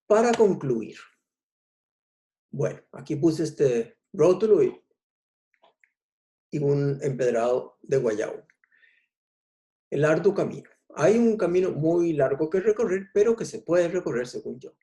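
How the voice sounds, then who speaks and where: A man with a Costa Rican accent giving an explanatory public talk on language history, unhurried and pausing often with "eh". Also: fairly high pitch, lively intonation, warm tone. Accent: Costa Rican Spanish. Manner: unhurried, explanatory, frequent "eh" pauses. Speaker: lecturer.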